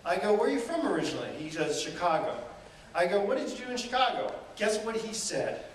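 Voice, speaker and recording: A man's voice: sits high, sing-song, quick pace. A man giving a live seminar talk, telling stories and asking the audience rhetorical questions with lots of energy. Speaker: motivational speaker. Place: event hall. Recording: echoey room from far off, faint noise.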